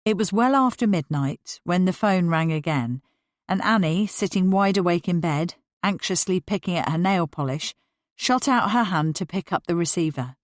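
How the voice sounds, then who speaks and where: A woman narrating a novel as an audiobook in a steady, clear storytelling manner. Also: fairly low pitch, moderate pace, no echo, clean studio sound.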